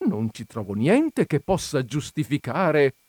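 Man putting on a countess, high and shrill, indignant, theatrical, slow, lively swoops, dry close sound. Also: no echo. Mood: flustered. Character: haughty indignant noble lady columnist, proud and touchy. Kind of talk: audiobook reading of a comic story.

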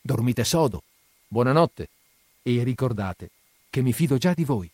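A man's voice: medium pitch, animated, measured pace, a little mellow, dry recording. A man voicing an earnest, guarded young woman in an audiobook reading, speaking in a pleading, candid way.

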